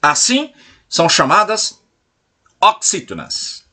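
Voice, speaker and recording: A Brazilian man teaching a recorded class to young pupils, coaxing and checking in with frequent questions, drawing out key words slowly. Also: sits high, wildly swooping pitch, pushed and bright. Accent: Brazilian Portuguese. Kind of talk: recorded remote class lesson.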